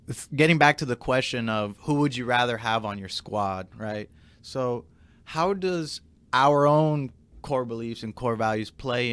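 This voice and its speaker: A man's voice: medium pitch, fairly bright tone. A man on a discussion panel, posing questions in a loose, conversational way. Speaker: podcast panelist. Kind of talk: casual discussion.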